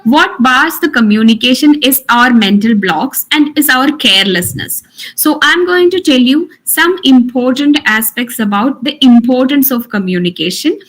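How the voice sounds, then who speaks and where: A woman with a high-pitched voice, captured in a rough recording, teaches an online workshop as an interactive lecture. She is instructive and repeats her points to emphasize them.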